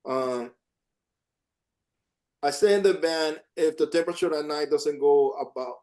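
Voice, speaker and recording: Male artist, casual rambling talk, slightly high voice, video call audio. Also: unhurried, darkish tone. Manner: rambling, repeats himself. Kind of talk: casual chat.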